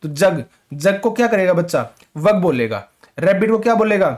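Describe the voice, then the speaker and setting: A man's voice: high voice, big pitch swings, normal speed. A man teaching an exam-prep lecture in colloquial Hindi with a rural North Indian accent, mixing in English terms and often checking in with "ठीक है?". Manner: conversational, keeps asking "ठीक है?".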